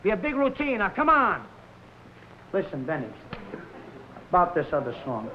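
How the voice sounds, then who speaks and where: A man's voice: high-pitched, huge pitch swings, normal speed, slight background noise. An actor playing a harried male nightclub comic and father, brusque and exasperated with his staff. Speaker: nightclub entertainer. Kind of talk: 1950s sitcom acting. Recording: muffled 1950s TV soundtrack with music.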